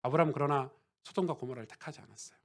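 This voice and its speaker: Male pastor, high-pitched, conversational sermon delivery with sudden emphatic swells. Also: racing. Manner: swings from quiet asides to loud emphatic preaching; conversational, asks the congregation questions.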